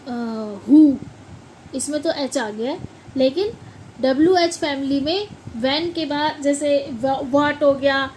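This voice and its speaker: A woman's voice: high-pitched, a little mellow, slight background noise, low-quality recording. A woman teaching pronunciation in a classroom style. She spells out words letter by letter, repeats them, and keeps checking that her listeners follow. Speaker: English teacher. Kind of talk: classroom explanation.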